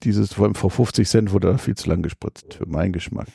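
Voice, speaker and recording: A man's voice: sits low, quick pace, gravelly, warm tone, breathy edge, dry recording, studio quality. A man in casual chat, critical and opinionated, talking with many fillers. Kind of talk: casual chat about theme parks.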